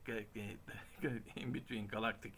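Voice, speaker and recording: Late 40s guy, lowish voice, rambles and stumbles over words, faint hiss behind. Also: steady tone, vocal fry, fairly bright tone. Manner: halting, many restarts and chuckles. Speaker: stream host. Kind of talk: casual rambling monologue.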